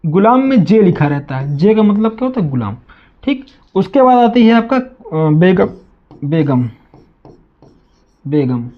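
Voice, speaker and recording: A man with a high voice leads a classroom-style maths lesson. He keeps asking questions and answering them himself, repeating each word for the students. The recording sounds dull and lo-fi. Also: big pitch swings, measured pace, long pauses. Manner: addresses students as children. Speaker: maths teacher.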